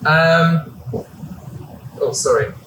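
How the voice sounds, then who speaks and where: A middle-aged man giving a relaxed university lecture, explaining with examples and laughing at himself. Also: a little high, extremely slow, a little hiss or hum. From England. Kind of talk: classroom lecture. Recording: echoey room, distant mic.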